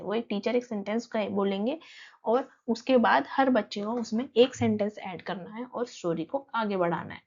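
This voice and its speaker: Lady teacher going through a textbook lesson, kinda high voice, dull lo-fi sound. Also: darkish tone. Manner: reads English lines slowly, then explains them in Hindi. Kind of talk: explaining an English textbook lesson.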